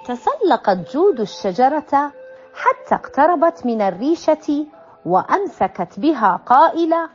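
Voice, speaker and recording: A woman's voice: high-pitched, sing-song, moderate pace. A woman reading a children's storybook aloud expressively, calling out page turns, in a slightly dull recording with faint music.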